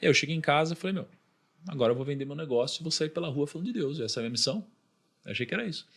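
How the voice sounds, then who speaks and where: Lively Brazilian man telling a story. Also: fairly high pitch, racing, vocal fry, breathy edge. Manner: animated, acts out the voices of others in his story. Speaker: podcast guest. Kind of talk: personal storytelling in a conversation.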